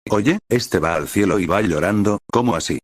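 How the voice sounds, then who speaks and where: Hombre leyendo a un chico alegre y bromista. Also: male voice, lowish voice, animated, normal speed, music in the background, close to an everyday voice. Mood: animado.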